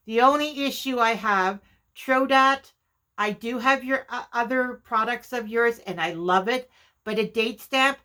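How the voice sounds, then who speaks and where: Woman, craft vlog, unhurried delivery, fairly high voice, chatty, self-deprecating. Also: sharp tone. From Canada. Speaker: journaling vlogger. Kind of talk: casual craft vlog demonstration.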